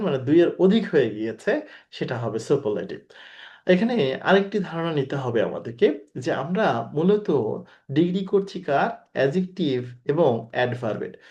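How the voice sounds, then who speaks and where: This male teacher's voice is a little high and darkish in tone, captured with lo-fi sound. He's giving a recorded grammar lecture for exam prep, going back over key points, throwing rhetorical questions at the class, and slipping English words into his speech.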